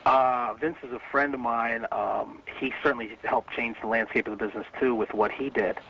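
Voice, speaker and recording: Gravelly man on a muffled line. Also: medium pitch, fairly even intonation, moderate pace. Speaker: interview guest from the wrestling business. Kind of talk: casual opinionated chat. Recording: muffled phone interview, faint noise.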